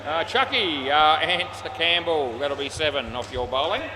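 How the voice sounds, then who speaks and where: An Australian man calls an amateur indoor cricket game in a laconic, offhand way. His voice sits a little higher than average for a man. He sounds matey and informal, and there is clear hall noise with bouncing balls behind him. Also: a little slow. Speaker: umpire and commentator.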